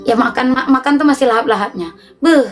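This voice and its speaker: A woman telling a personal story to her livestream viewers in a casual, animated, emotional way, often laughing. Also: high-pitched, a little fast, faint music behind. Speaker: livestream host.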